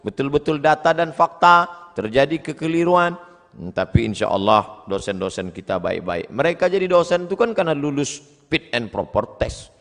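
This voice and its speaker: A man in his forties delivers a humorous preaching Q&A, his fairly high voice swinging through a wide, animated range. He tells stories and acts out little exchanges with the crowd, and his voice rings with a long reverb through a large hall. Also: normal speed. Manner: lively storytelling, acting out quoted exchanges. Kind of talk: humorous sermon Q&A.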